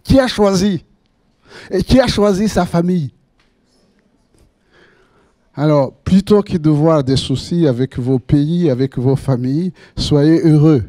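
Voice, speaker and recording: A man's voice: fairly high pitch, unhurried, pauses often, dark tone, no echo, clean studio sound. A man from Rwanda, preaching a sermon as pastor and putting rhetorical questions to the congregation.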